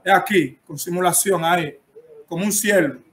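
A man's voice: high voice, normal speed, a bit bright. A man with a Dominican Spanish accent, a preacher teaching church etiquette in an emphatic, instructive way and dotting his phrases with amens. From Dominican Republic. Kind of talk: instructive preaching to a live-streamed audience. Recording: echoey room.

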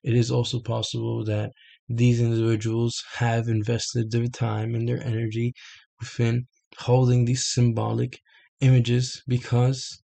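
A young self-made explainer with a dark, gravelly, mid-range voice speaks in a monotone at a measured pace. He hesitates often, full of fillers and restarts, explaining unscripted over a screen share via his desk webcam in a small red-lit bedroom.

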